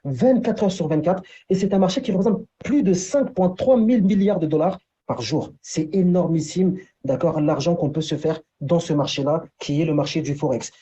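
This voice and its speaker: A man's voice: on the high side, normal speed, hardly any pauses, mellow, husky, dull audio. A man presenting a business opportunity on a video call, talking in a loose way with many fillers, checking in with "d'accord". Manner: repeats "d'accord" and "entre guillemets", many fillers. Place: Paris.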